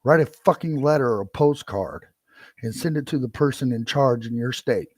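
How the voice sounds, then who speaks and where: A man's voice: medium pitch, moderate pace, a little mellow, dry recording, clean studio sound. A middle-aged man hosting a podcast, ranting angrily, swearing and repeating himself. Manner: profane, heated and repetitive. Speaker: podcast host. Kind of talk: angry solo rant.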